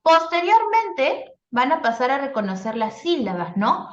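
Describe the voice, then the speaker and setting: A higher-pitched woman teaching as a speech therapist in a live online workshop. She explains step by step, checking in with listeners and leaning on fillers. Her voice comes over a dull, roomy video call line. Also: very animated, unhurried. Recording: echoey lo-fi video call audio.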